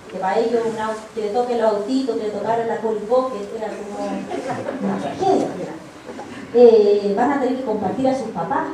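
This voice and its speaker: A woman's voice: on the high side, slight background noise. Chilean woman giving an echoey testimony. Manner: animated storytelling, acts out quoted dialogue. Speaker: church speaker. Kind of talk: personal testimony talk. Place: church hall. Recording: very echoey hall, voice far from the mic.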